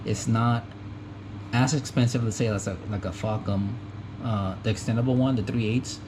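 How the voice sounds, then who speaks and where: This tool vlogger, born in the US into a Mexican family, has a lowish, steady voice at a moderate pace. In a casual show-and-tell recorded at a junkyard in Japan, he rambles with plenty of fillers, corrects himself, and laughs softly. The sound is noisy camera audio from a GoPro mic, with air conditioning humming.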